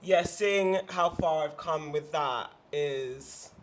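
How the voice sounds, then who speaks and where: A young Englishwoman, a guest artist interviewed in her studio, chats casually with lots of fillers and restarts and laughs easily. Her voice sits low and she takes it slowly, with a little hiss or hum on the recording.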